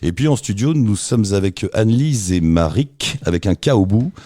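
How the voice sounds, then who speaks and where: A man's voice: fairly low pitch, expressive, moderate pace, a crowd in the background. A man hosting a casual radio show from a living room, teasing his guests and laughing often. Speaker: radio host. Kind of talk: casual live radio chat. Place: living room with live audience.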